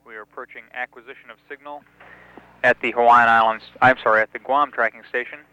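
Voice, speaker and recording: Flat, crisp male mission announcer. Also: medium pitch, no echo. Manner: halting, procedural, reads out times. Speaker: mission control public affairs announcer. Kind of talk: live mission status commentary. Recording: dull, band-limited radio-style announcement feed.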